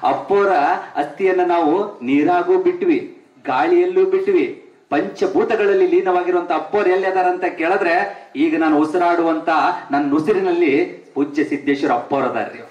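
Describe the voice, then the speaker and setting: High-voiced North Karnataka man, echoey hall. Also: normal speed, darkish tone, lo-fi sound. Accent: North Karnataka Kannada. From Bijapur, Karnataka. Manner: emphatic, repeats phrases for stress. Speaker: teacher and public speaker. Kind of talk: devotional tribute speech.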